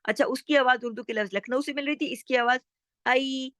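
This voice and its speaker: A woman teaching Quran recitation step by step, explaining rules slowly and chanting words drawn out. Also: high-pitched, no room sound, clean studio sound.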